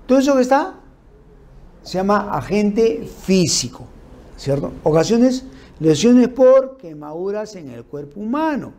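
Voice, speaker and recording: A man giving an informal law lecture, explaining through lists and examples and checking in with his listeners with quick tag questions. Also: sits high, very animated, darkish tone. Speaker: criminal law instructor. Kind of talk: informal lecture on forensic principles.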